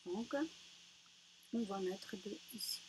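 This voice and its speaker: Slow, patient woman teaching syllables. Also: mid-range voice, fairly even intonation, slight background noise. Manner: patient, encouraging, spells out syllables. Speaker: primary school teacher. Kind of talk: slow, clear reading lesson for young children.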